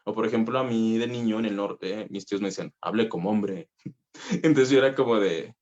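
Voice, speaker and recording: A low-voiced man with a Mexican Spanish accent gives a relaxed, conversational talk as a voice teacher. He uses plenty of fillers and asides. The recording sounds dull and lo-fi. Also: a little fast. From northern Mexico (Coahuila). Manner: conversational, many fillers, laughs easily. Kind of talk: conference talk.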